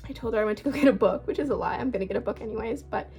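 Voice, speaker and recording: Chatty young woman, slightly high voice. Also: rapid-fire, darkish tone, soft background music. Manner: chatty, rambling, frequent swearing and filler words. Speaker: book vlogger. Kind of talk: casual rambling storytime chat.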